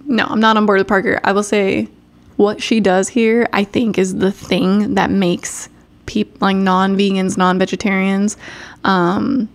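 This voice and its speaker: A woman in casual chat, rambling through a recap with many fillers and quick laughs. Her voice sits at a middle pitch, and her pace wanders between slow and rushed. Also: little pitch movement.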